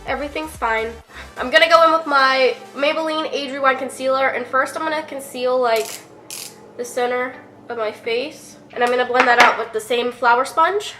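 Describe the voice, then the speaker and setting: A young beauty vlogger with a congested voice from a cold chats casually through a makeup tutorial, heavy on fillers and now and then swearing offhandedly. Her voice sits high and her pace is moderate, with music in the background.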